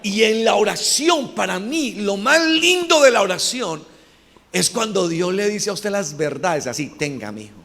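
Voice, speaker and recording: A man preaching a sermon, calling questions to the congregation and having them repeat after him, jumping from loud shouted peaks to low quiet asides. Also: expressive, unhurried, long reverb tail. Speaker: pastor. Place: church.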